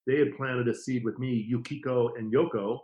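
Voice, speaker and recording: A middle-aged man, a guest on a podcast, telling stories about his career in a casual, lively way and acting out the quotes. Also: medium pitch, normal speed, muffled recording. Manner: lively anecdotes with acted-out quotes. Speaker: podcast guest, TV formats distributor. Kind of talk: casual interview storytelling.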